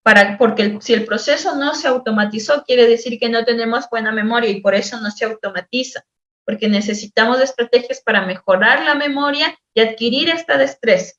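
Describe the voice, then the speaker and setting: A woman's voice: a little high, fairly bright tone. Woman teacher explaining in an echoey room. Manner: explanatory, repeats words, exaggerates sounds slowly as examples. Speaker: teacher-therapist. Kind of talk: lecture on spelling intervention. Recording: echoey room, dull lo-fi sound.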